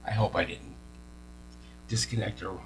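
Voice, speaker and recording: There's clear mains hum and noise as a radio repair hobbyist works in his repair workshop, thinking aloud and muttering in casual hands-on commentary. He has a lowish voice with fairly even intonation and speaks a little slowly.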